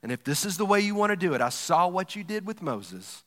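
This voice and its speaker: A man voicing an earnest male leader speaking quietly to God in a retold story. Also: high-pitched, sing-song, brisk.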